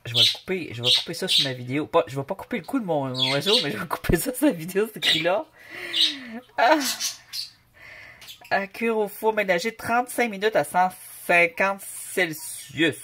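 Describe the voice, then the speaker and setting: A woman's voice: on the low side, expressive, moderate pace, noisy background. Chatty Québécois woman reviewing paint. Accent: Québécois French. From Canada. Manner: chatty, joking, reads labels aloud. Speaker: craft vlogger. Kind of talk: casual product review. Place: home, with a noisy pet bird.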